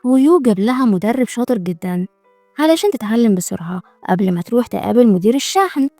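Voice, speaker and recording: A woman's voice: fairly high pitch, animated, fast talker, warm tone, no room sound, faint music behind. A woman with an Egyptian accent narrating a drama recap in a chatty way with joking asides. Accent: Egyptian Arabic. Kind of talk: scripted narration.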